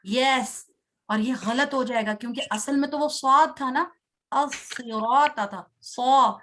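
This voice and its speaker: A woman teaching children Quran recitation in an online class. She recites slowly, syllable by syllable, for pupils to repeat, and quizzes them between lines with praise. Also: high-pitched, fairly bright tone.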